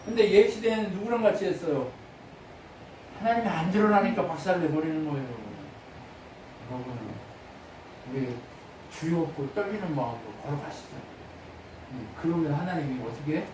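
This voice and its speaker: High-voiced preaching man in an echoey hall. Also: moderate pace, long pauses, background noise. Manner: animated preaching with rhetorical questions to the congregation; acts out short pleading prayers in a raised voice. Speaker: pastor. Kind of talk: sermon. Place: church sanctuary. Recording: very echoey church hall, voice from a distance.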